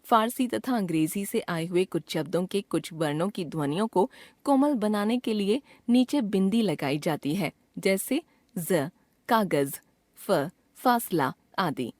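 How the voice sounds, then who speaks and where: A woman reads a grammar lesson at a very slow, deliberate pace, stretching out the sounds she names. Her voice sits in a middle pitch and sounds dry and close, with no room around it. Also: lively intonation, darkish tone, no room sound. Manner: slow, careful, drawn-out enunciation of sounds. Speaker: teacher. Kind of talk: scripted grammar lesson reading.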